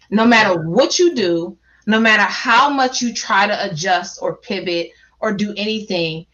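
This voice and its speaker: A woman on an online panel, talking slowly and haltingly as she fights back tears. Her voice sits at a middle pitch. It comes through dull, lo-fi video-call audio. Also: fairly bright tone. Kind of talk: emotional panel discussion.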